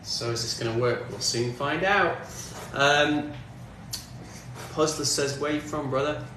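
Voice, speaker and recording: He's a music streamer from northwest England, working while casually answering comments on his livestream. The voice is medium in pitch, bright and forceful, delivered at a measured pace. An off-mic, distant recording captures a very echoey indoor home studio and faint background noise.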